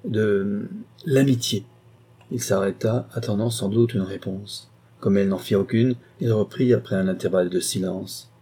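A man reading a novel aloud as audiobook narrator, in an even, unhurried way. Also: fairly low pitch, slightly rough.

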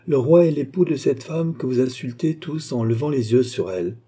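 A man's voice: mid-range voice, animated, normal speed, mellow, slightly rough, pitched above the performer's own voice. A man voicing a proud, indignant queen who scolds in a raised, reproachful voice.

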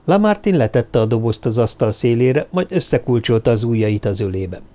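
Expressive male audiobook narrator. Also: mid-range voice. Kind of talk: scripted narration.

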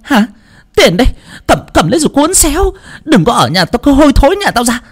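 A shrill, spiteful older mother-in-law screeches her scolding insults in a very high voice. Her pitch leaps and swoops wildly from line to line. It is a dramatic told story. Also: big pitch swings, a little fast, slightly rough, exaggerated voice. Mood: furious.

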